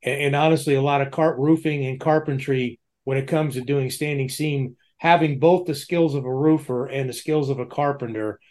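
A man's voice: medium pitch, fairly even intonation, moderate pace, few pauses, darkish tone. A man hosting a casual interview, wordy and repeating phrases for emphasis. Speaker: podcast host, interviewer.

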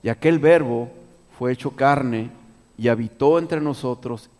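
A man's voice: medium pitch, a little slow, a little mellow, in a large hall. A man preaching a conversational Bible study sermon, reading verses aloud and asking the listeners questions as he goes. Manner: conversational, repeats and restarts, asks the listeners questions.

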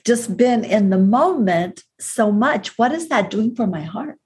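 A woman's voice: fairly high pitch, animated, measured pace, darkish tone. A woman in a casual conversation who chimes in and asks curious follow-up questions.

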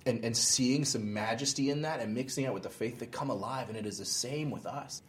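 A man's voice: medium pitch, fairly quick, soft background music. Earnest storytelling man in his thirties. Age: 30s. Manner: earnest, storytelling, frequent restarts and laughs. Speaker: ministry founder, pastor. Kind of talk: interview conversation.

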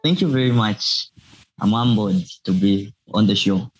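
A young man from Zambia answers interview questions in a fairly low voice. He pauses often and fills the gaps with uh. The sound is dull and lo-fi. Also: husky, soft background music. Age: young adult. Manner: hesitant with many uh fillers. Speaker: student guest. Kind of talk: casual interview.

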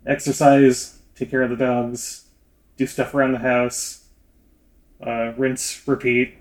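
A man's voice: mid-range voice, little pitch movement, slow pace. A man co-hosting a podcast in casual chat, with a loose, wry and hedging way of talking. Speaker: podcast co-host.

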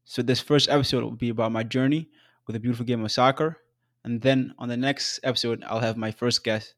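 Man in his twenties, from South Sudan, podcast host; measured and earnest, average pitch, dry close-mic read. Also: steady tone, fairly bright tone, no room sound. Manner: measured, earnest, with occasional fillers. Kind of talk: scripted solo podcast narration.

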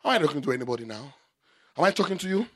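A man's voice: animated, racing. Man preaching with wide dynamic swings. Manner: swings from loud shouting peaks to low quiet asides; repeats lines for emphasis, calls to the congregation. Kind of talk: sermon.

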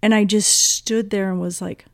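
A woman's voice: medium pitch, fairly even intonation, moderate pace, creaky, no room sound, studio quality. A middle-aged woman telling a personal story in a casual conversation, emotional and vivid, acting out what people said. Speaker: guest, mother of the host.

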